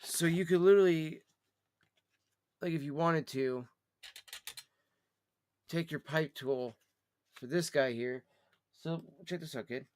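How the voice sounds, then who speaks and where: This pipe tobacco review host talks in a relaxed, slangy manner during a live show, musing aloud and addressing the listener as "dude" or by name. His voice is fairly high and darkish in tone, and he goes slowly, leaving long pauses.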